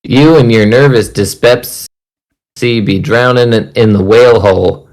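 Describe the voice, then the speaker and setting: A man voicing a fat, tubby, grumpy old fisherman in a put-on Northeastern US accent, snapping and scolding in a raised, higher voice. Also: unhurried, natural voice.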